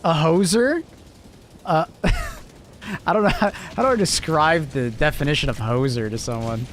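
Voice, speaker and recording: On a live stream, a laid-back young Canadian guy whose mild accent is near-American rambles along, chuckling and leaning on plenty of fillers. He speaks a little high, very animated but unhurried, over a faint hiss or hum.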